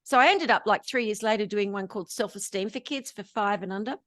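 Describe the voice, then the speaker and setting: An Australian woman telling lively stories as an interview guest, often laughing between anecdotes. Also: medium pitch, fast, no room sound, studio quality. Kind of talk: storytelling in casual interview chat.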